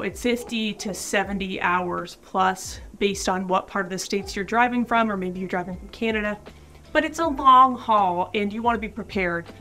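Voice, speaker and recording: A young woman talking casually to the camera as a vlogger, giving relaxed, informal advice with fillers, seated in a wood-panelled room. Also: medium pitch.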